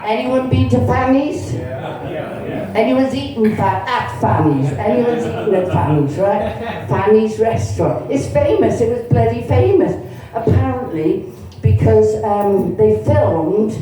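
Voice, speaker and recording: Speaking slowly with lively intonation, this Cardiff comedian in her sixties has a medium-pitched, dark-toned voice and a Cardiff Welsh accent. She teases the crowd through a bawdy, chatty stand-up set at a comedy club, recorded in an echoey room from afar.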